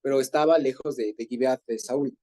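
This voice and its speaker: Mellow-voiced man teaching Bible study. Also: medium pitch, steady tone, a little fast. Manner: conversational, explains Hebrew words, rephrases often. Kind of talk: informal group Bible study.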